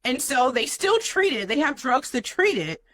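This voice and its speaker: A young adult woman speaks as an interview guest, her voice bright and a touch higher than most. She tells her own story earnestly and leans on "you know" as she goes. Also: sing-song, moderate pace, low-quality recording.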